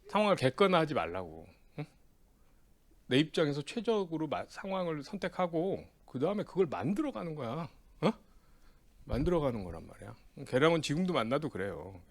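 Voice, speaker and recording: A man teaching an exam prep class in a casual, chatty way, often checking in with the students and acting out old friends' banter. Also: medium pitch. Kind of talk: casual lecture with personal anecdote.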